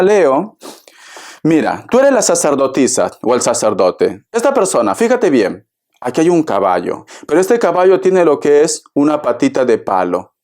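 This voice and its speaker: Man, tarot reader, fairly high voice, theatrical, chatty, calls listener darling. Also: darkish tone. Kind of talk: tarot reading to camera.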